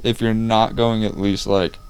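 Low-voiced blunt Jersey co-host. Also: male voice, little pitch movement, a little slow, a little mellow, clean tone. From New Jersey. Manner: blunt, profane, emphatic. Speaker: podcast co-host. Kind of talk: casual chat.

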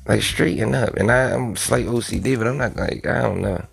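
A man's voice: fairly low pitch, moderate pace, creaky, soft background music. A man ranting bluntly and profanely in a casual monologue.

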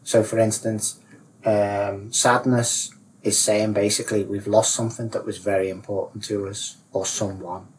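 A self-realisation coach appears as a guest, explaining his ideas in a relaxed, animated chat full of "like, you know" fillers, jumping into higher, louder voices to act out his feelings. He speaks at a moderate pace from a distant mic, and the low-quality recording carries faint room noise.

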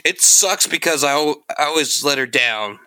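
A man co-hosting a podcast, throwing in wisecracks and quick jokes in casual chat. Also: fairly high pitch, expressive, a loud crowd, rough recording. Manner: wisecracking, quick jokey interjections. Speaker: podcast co-host.

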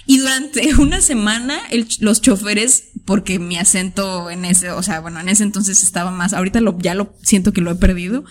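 A young woman from Tijuana with a northern Mexican accent, chatting as an interview guest and telling animated stories with acted-out voices and frequent laughs. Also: mid-range voice, moderate pace, hardly any pauses. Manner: animated storytelling, acts out voices, laughs often. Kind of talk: casual interview chat.

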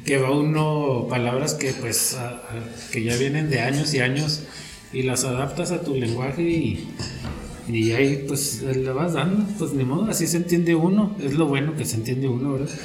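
A man's voice: medium pitch, moderate pace. Man with northern Mexican border accent, echoey room. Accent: northern Mexican border Spanish. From El Paso and Ciudad Juárez region. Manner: agreeable, echoes and repeats words. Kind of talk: casual chat. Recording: roomy echo, faint music.

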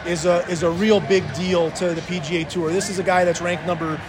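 A man co-hosting a casual sports talk show, speaking haltingly and often repeating words. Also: high-pitched, steady tone, crowd noise.

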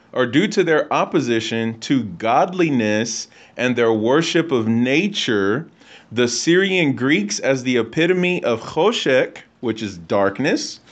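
A man hosting a livestream, explaining religious texts in a casual teaching style. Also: medium pitch. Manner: explanatory, reads and comments on texts. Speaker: host. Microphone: internet call/stream. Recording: lo-fi online stream audio.

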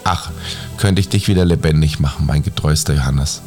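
A man's voice: rumbling low, a little fast, a little mellow, soft background music. A man voicing a young fairy-tale king, mournful and sighing, while reading a bedtime story. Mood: regal.

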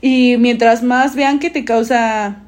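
A young woman, telling a school story in animated casual chat, often laughing and mimicking voices. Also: a little high, slow.

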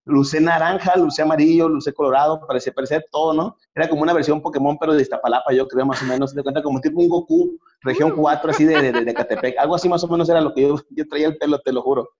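A man's voice: on the high side, very fast, hardly any pauses, darkish tone, lo-fi sound. A middle-aged man with a Mexican accent, telling funny stories in casual chat as show host, with many restarts. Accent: Mexican Spanish. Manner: joking storyteller, many restarts.

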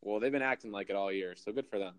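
A man's voice: fairly low pitch, quick pace, clean tone, no room sound. A North American man talking like a frat bro, crude and slangy, in casual sports chat as a podcast co-host.

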